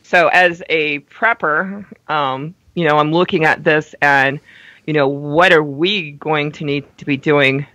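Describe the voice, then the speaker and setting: A woman's voice: low-pitched, steady tone, measured pace, sharp tone, no echo, rough recording. A woman co-hosting a casual talk radio show, chatting and hedging with frequent fillers. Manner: chatty, hedging, laughs often.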